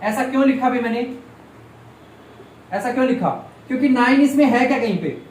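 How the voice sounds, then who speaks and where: A man's voice: extremely high pitch, fairly quick. A man teaching a maths class, constantly quizzing students and repeating key terms for them to echo back. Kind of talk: classroom lesson with call-and-response questions. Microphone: distant room mic. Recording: echoey room, voice from far off, faint noise.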